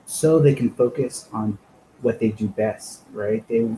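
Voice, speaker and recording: A man's voice: lowish voice, measured pace, warm tone, a little hiss or hum, low-quality recording. A man giving a conversational presentation at an online user group meetup, with frequent fillers, on a computer microphone. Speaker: guest presenter. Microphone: home computer microphone on a video call.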